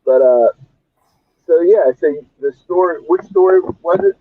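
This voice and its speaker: A man's voice: on the high side, lively intonation, measured pace. A man calling in on his phone from outdoors, chatting casually as co-host while his audio crackles and drops out. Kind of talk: casual chat. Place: outdoors outside a casino. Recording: tinny, choppy phone line, dry.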